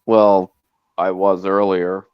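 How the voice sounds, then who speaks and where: A man's voice: low voice, little pitch movement, slow pace, smooth, no room sound. A man hosting a livestream in casual chat, playful, often stumbling and restarting. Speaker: livestream host. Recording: slightly muffled stream audio.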